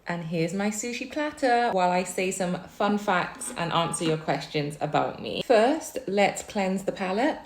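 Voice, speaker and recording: A young woman from Wales, a native Chinese speaker, hosts an easygoing food vlog, sharing things about herself and letting out soft hums as she savours her food. Her mid-range voice is expressive and a little slow with few pauses, and the sound is roomy.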